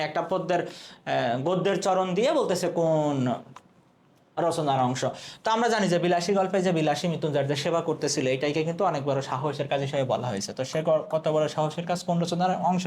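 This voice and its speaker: A man's voice: on the high side, expressive, fairly quick, darkish tone. A young man teaches an exam prep lesson. He keeps asking questions and answering them himself.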